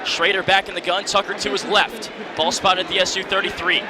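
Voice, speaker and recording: Over the roar of a stadium crowd and loud background noise, a play-by-play announcer in his early twenties calls a college football game live on radio. He uses short, vivid phrases in the present tense, delivered in a high, level voice at a fairly quick pace.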